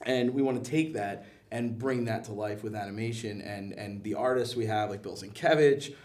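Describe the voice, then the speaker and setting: A man who produces comic books and animation talks as an interview guest, casual and enthusiastic, full of slang and jokes. His lowish, slightly mellow voice moves at a normal speed and sounds somewhat distant from the mic.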